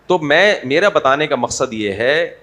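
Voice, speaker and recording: A man's voice: on the high side, lively intonation, fairly bright tone. Humorous man giving an Urdu sermon. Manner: humorous, conversational, asks the audience rhetorical questions. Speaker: Islamic preacher.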